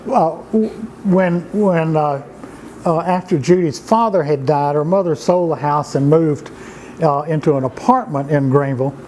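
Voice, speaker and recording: A man, telling family anecdotes in an unhurried, halting way with many pauses and restarts. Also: a little high, a little mellow, a little hiss or hum, poor audio. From Georgia, USA. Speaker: storyteller and writer. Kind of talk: folksy anecdotal storytelling.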